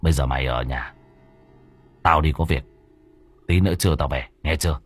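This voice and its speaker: A man voicing a rough, short-tempered village gang boss who curses and barks orders. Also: a bass voice, normal speed, voice pushed down. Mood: gruff. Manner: gruff, cursing, bossy.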